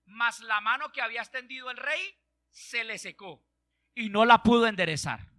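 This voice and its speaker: A male pastor preaches an emphatic call-and-response sermon. His voice sits high and cuts with a sharp, forceful edge. The sound is dry and close, with no room echo. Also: normal speed.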